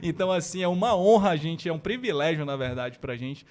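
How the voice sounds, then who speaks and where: A man's voice: fairly high pitch, expressive, a little fast, darkish tone. A Brazilian man hosting a podcast, introducing and questioning his guest in a friendly, enthusiastic way. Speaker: podcast host. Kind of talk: casual podcast interview.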